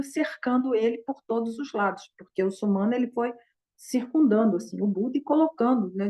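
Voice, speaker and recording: A woman's voice: fairly high pitch, dark tone. Woman telling a dharma story. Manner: informal, many fillers and restarts. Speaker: Buddhist dharma teacher.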